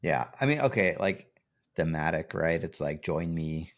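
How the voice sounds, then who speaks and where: A man's voice: extremely low pitch, lively intonation, moderate pace, vocal fry. A young man co-hosting a casual card game podcast, laughing often and hedging his opinions. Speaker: podcast co-host. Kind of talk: casual chat.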